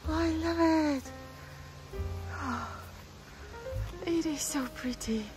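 Her voice sits high now, words drawn out over music. Still chatty and quick to laugh, the woman in her thirties narrates her renovation on a phone held at arm's length, outdoors on a lakeside hill and then inside the empty house.

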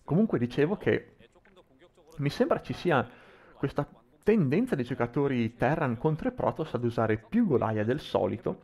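A man provides live play-by-play for a video game match. His voice sits at a medium pitch. He thinks aloud as he follows the action, often doubling back and repeating words mid-sentence. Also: sing-song, moderate pace, darkish tone. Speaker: esports commentator.

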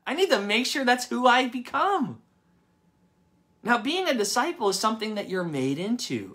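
Male preacher in his thirties, bright forceful tone, animated conversational sermon delivery. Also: sits high. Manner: animated, conversational, quotes people in lively voices. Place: church service.

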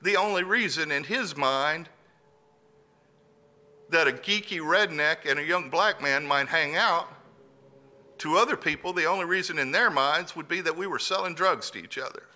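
A man's voice: a little high, normal speed, pushed and bright. A middle-aged man from Louisiana, preaching an earnest sermon that moves from personal storytelling to emphatic appeals.

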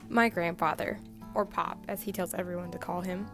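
A woman's voice: lowish voice, fairly even intonation, moderate pace, over music. A young woman reading a scripted, fond narration about her grandfather.

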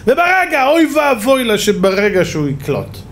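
A man giving an animated sermon as a rabbi, repeating words for emphasis. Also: very high voice, slight background noise. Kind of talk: sermon with storytelling.

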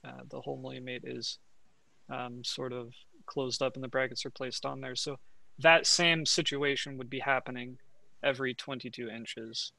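A man's voice: mid-range voice, fairly even intonation, moderate pace, creaky, bright, forceful tone, no room sound. A young man, a student presenter, answering technical questions unscripted over a video call. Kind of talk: unscripted explanation. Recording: distant mic on video call.

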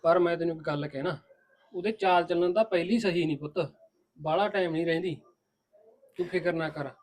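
A man's voice: a little high, brisk, close to an everyday voice. An actor playing an older, protective father-in-law who reassures his daughter-in-law and scolds his son. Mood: reassuring. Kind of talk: village family drama acting.

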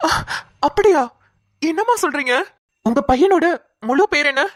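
A woman's voice: fairly high pitch, a little fast, fairly bright tone, lightly acted. Woman playing a humble, hungry young cartoon man. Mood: surprised. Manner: humble, polite, deferential. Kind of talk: homemade cartoon voice acting.

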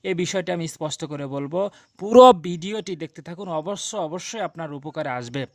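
A man teaching Quran recitation in Bengali with a Bangladeshi accent, explaining letter sounds and repeating drawn-out practice syllables. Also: fairly high pitch, expressive, no echo, clean studio sound. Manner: drills letter sounds slowly with repeated pairs. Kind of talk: online tutorial lesson.

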